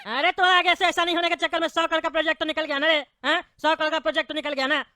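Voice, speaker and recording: A woman in a comic sketch, loudly scolding and shouting. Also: sits high, little pitch movement, rapid-fire, dry recording, clean studio sound. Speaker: comedy sketch actor.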